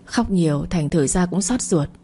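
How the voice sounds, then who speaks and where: A woman narrating an audiobook story in a steady, even way. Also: fairly low pitch, moderate pace, a little hiss or hum.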